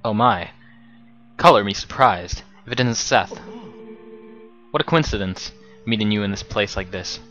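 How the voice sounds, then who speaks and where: A man's voice: fairly low pitch, expressive, moderate pace, long pauses, sharp tone, dull audio, faint music behind. A man voicing a polite, bookish young male scholar in a put-on British accent, formal and eager. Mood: curious.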